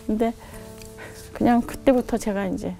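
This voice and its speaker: Unhurried and creaky, with fairly even intonation, a middle-aged woman shares a heartfelt missionary testimony as a studio guest. She earnestly recounts her story, quoting God in a softer, lowered voice, as faint music plays.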